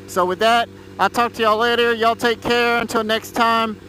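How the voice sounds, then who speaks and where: A man's voice: extremely high pitch, steady tone, normal speed, sharp tone. An American man in his thirties from Georgia chats casually from inside his helmet while riding a motorcycle. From Georgia, United States. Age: 30s. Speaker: motorcycle vlogger. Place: outdoors on a moving motorcycle. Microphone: mic inside a helmet. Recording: muffled helmet mic with road noise.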